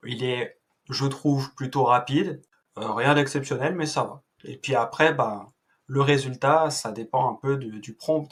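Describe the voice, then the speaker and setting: A man's voice: medium pitch, a bit bright. A man hosting a tech video, giving a casual walkthrough with a chatty, hesitant delivery full of fillers and restarts. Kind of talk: casual screen-recorded walkthrough.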